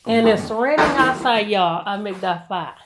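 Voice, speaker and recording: A woman's voice: medium pitch, lively intonation, moderate pace, heavy background noise. A woman hosting a casual food video, chatting playfully to viewers and often repeating herself. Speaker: mukbang host and cook.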